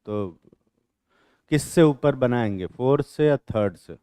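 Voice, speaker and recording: A man teaching chemistry to a class, quizzing students and teasing them in blunt, rough slang. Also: medium pitch, animated, slow, dark tone, dry recording, studio quality. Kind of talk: classroom lecture with questioning.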